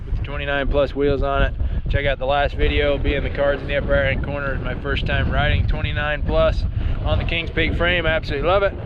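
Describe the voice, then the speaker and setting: A man narrates a casual outdoor adventure vlog in a folksy, enthusiastic way. Strong wind noise runs behind his voice, and the sound is somewhat dull and lo-fi. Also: a little high. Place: outdoors in windy open desert. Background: blowing wind.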